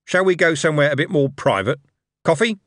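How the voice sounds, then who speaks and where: Brash older male boss, blustery and chummy, a man puts him on, higher and louder than the reader. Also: lively intonation, a little fast, no room sound, clean studio sound, close to an everyday voice. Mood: amused. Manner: coarse, blustering, chummy street slang. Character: brash older male tycoon, jovial and shrewd.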